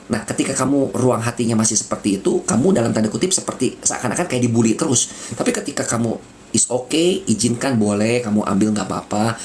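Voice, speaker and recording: A man's voice: mid-range voice, lively intonation, quick pace, a little mellow, slight background noise. A man giving casual spiritual coaching in a soothing way, repeating words and dropping in English phrases. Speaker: spiritual mentor.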